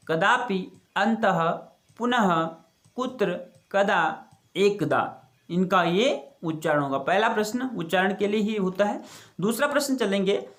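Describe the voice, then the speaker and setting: A teacher explaining a school textbook lesson. The teacher reads each line aloud, then explains it step by step, asking questions and answering them. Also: mid-range voice. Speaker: Sanskrit teacher.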